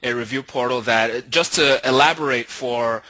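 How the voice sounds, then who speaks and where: A man's voice: medium pitch, moderate pace, bright, forceful tone, no echo, poor audio. A man presenting on a marketing webinar, explaining things in an upbeat, casual way.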